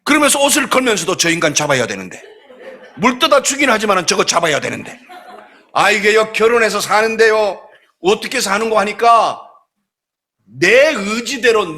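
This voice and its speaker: A middle-aged man from South Korea, a pastor preaching a sermon and telling family stories in an animated way, acting out other people's voices. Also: high-pitched. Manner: animated storytelling, acts out voices, laughs often. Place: church sanctuary.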